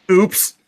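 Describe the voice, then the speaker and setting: A man chatting casually as a guest on a stream, with a dry, teasing humor. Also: darkish tone. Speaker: guest in a voice chat. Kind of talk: casual voice chat.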